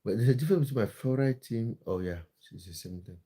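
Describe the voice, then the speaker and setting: A man's voice: mid-range voice, expressive, fast talker, mellow, husky. A man from Cameroon, hosting a casual live stream, reading viewer comments in a friendly, chatty way with lots of fillers and restarts. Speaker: live-stream host and football content creator.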